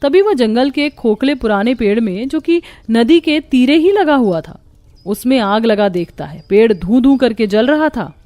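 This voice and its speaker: A woman's voice: a little high, animated, moderate pace, warm tone, dry recording. A woman narrating a scripted story in a sympathetic storytelling tone.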